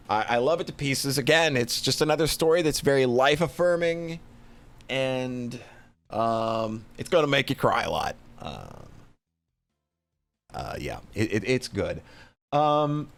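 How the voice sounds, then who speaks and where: Talking to his live chat, a man with a mid-range voice reviews games on stream in an expressive, effusive, rambling way, casually dropping swear words.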